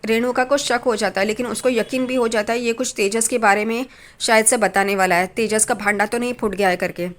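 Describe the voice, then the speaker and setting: In a fairly high, steady voice, a woman briskly runs through a TV serial episode as a casual spoken recap. She tells it plainly, occasionally starting a sentence over, and reads out bits of dialogue.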